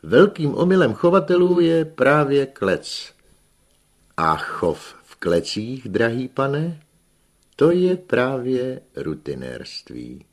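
A husky-voiced man reading an audiobook, voicing a pompous, scheming middle-aged hunchback who lectures with emphatic self-assurance. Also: medium pitch, huge pitch swings, voice pushed up.

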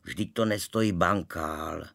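A man doing a quietly chiding mother. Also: low voice, vocal fry, pitched below the performer's own voice. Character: soft-hearted scolding mother.

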